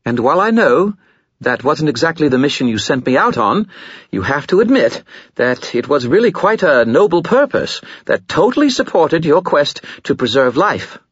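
A man's voice: lowish voice, big pitch swings, moderate pace, hardly any pauses, breathy edge, no room sound, lo-fi sound, voice pushed up, heavily acted. A man voicing a vain, talkative skull spirit who gets nervous and stammers. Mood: hurried pleading.

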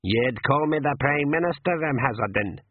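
A wily old pixie with a cracked, husky Scottish brogue, put on by a man. The pitch rolls up and down slyly. It sounds squeezed through a narrow, phone-like band. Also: lively intonation, normal speed, no echo. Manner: sly, hearty brogue. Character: old wizened male pixie, wily leader.

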